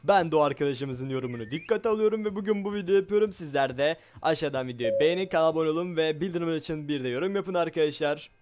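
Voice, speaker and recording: Excitable young-sounding man playing a game. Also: on the high side, fast talker, few pauses, a little hiss or hum. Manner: excitable, jumpy, swears often, talks to viewers; loud, shouts a lot. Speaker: gaming YouTuber. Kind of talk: let's play gameplay commentary.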